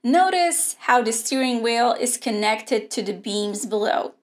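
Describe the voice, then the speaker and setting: Young woman explaining a robot build, slow and clear, kinda high voice, studio mic. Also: lively intonation. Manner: clear, measured explaining with hand gestures. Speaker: robotics teacher. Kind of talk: scripted online lesson. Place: indoor studio with a grey backdrop.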